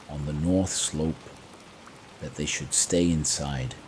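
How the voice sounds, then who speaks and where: A man narrating scripted horror stories to fall asleep to, in hushed, creeping, ominous tones with measured, dramatic pauses. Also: low-pitched, a little hiss or hum. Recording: faint rain ambience behind. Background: soft rain sounds.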